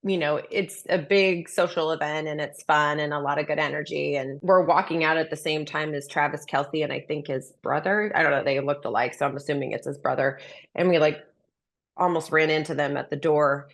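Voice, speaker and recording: Low-voiced woman, conversational dating coach. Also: fairly even intonation, a little fast. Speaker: dating and relationship coach, menswear stylist.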